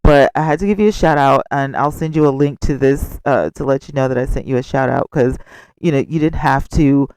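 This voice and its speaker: A man hosting a gossip vlog with casual, expressive commentary and chatty asides, speaking close to the microphone. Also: mid-range voice, a little fast, smooth, rough recording. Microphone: close microphone without a cover.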